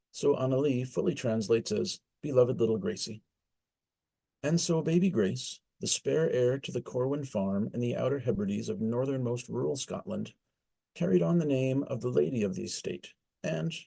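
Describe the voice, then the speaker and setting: A man telling a historical persona's backstory in formal storytelling narration, with measured, old-fashioned courtly phrasing. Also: mid-range voice, creaky, warm tone, slightly rough. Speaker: storyteller recounting his historical reenactment persona.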